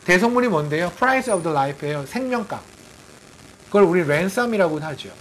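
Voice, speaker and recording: A man preaching a sermon as a missionary, in a lively conversational way, acting out quotes and firing rhetorical questions. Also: sits high, moderate pace, a little hiss or hum, poor audio.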